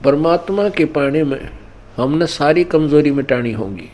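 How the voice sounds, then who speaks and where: A man's voice: fairly high pitch, expressive, unhurried, a little mellow. A man preaching at an ashram gathering, teaching through couplets and parables. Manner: didactic, mixing in scripture couplets and parables. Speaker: spiritual teacher. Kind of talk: Hindi sermon.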